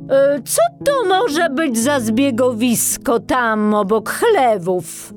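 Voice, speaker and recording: A woman's voice: high-pitched, big pitch swings, takes it slowly, soft background music, voice pushed up, heavily acted. Woman doing a fussy old emperor. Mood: puzzled. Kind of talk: storybook reading.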